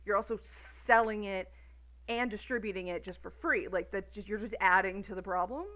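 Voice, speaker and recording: A woman's voice: medium pitch, brisk, a bit bright, poor audio. A woman in her thirties ranting on a stream in a profane, sarcastic, exasperated way. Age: 30s. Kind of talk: casual ranting commentary.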